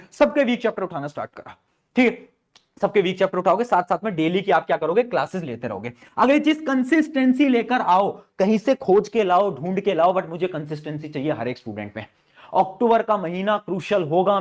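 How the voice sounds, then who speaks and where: A man with a high voice talks students through a study plan like a teacher, asking a question and answering it himself. He is informal and direct and calls them "beta". His delivery stays coaxing and plain, aimed straight at the class. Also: big pitch swings, fairly quick. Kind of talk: study-planning advice to students.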